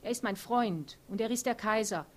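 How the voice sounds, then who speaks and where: Woman reading a patient calm guy, gentle, soothing. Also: medium pitch, normal speed, pitched above the performer's own voice, close to an everyday voice. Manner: soothing, defensive. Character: calm, patient man, the empress's companion.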